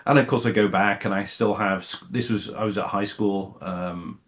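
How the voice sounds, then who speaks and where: A middle-aged man with a lowish voice talks casually in an interview. He rambles, fills gaps with "uh" and restarts his sentences. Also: fairly even intonation, normal speed, fairly bright tone. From Scotland. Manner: rambling, many fillers and restarts. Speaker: voice actor guest.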